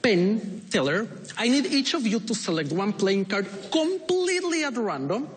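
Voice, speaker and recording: On a TV studio stage before an audience, an Ecuadorian man with an Ecuadorian Spanish accent performs as a magician, using playful, coaxing showman's patter. His voice is high and very animated, at normal speed, with a long reverb tail.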